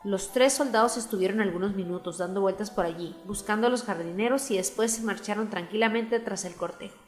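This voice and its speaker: A woman narrates a storybook in a measured, expressive way at an ordinary middle pitch. Faint music plays softly behind her reading. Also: long reverb tail. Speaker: audiobook narrator.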